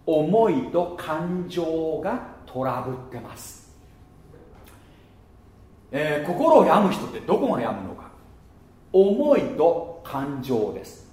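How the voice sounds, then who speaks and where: A man preaching a sermon as pastor, lively and playful, slipping into muttered mocking asides. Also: fairly high pitch, slow pace, long pauses, echoey room. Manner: lively, mutters mocking asides and laughs at his own jokes.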